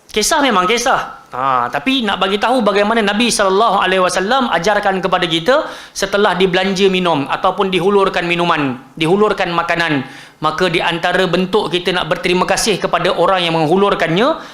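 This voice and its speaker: Animated high-voiced male religious teacher. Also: a little fast, reverberant. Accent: Malaysian Malay. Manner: animated, acts out quotes and asks the audience. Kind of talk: Malay-language religious lecture.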